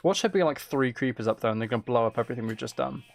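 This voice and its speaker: Racing along with lively intonation, a man with a creaky, mid-range voice hosts a casual game livestream. He mutters as he plays, repeats phrases, and chats with viewers, reading and answering their messages.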